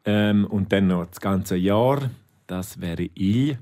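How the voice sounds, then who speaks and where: A man with a very low voice leads a casual language lesson. He is patient and says each word slowly, again and again. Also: dark tone. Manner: patient, repeats words slowly. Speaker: Romansh teacher.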